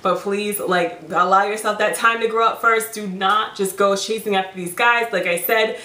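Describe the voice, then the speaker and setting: A young adult woman giving frank dating advice in a casual vlog, chatty and quick to laugh. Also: medium pitch, fairly even intonation, bright, forceful tone. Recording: roomy, distant mic.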